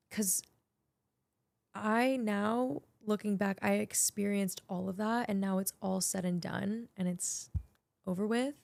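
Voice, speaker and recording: Gravelly-voiced young woman podcast host. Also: medium pitch, dark tone, no room sound. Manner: chatty, emotional, many filler likes. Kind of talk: casual reflective monologue. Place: small podcast studio.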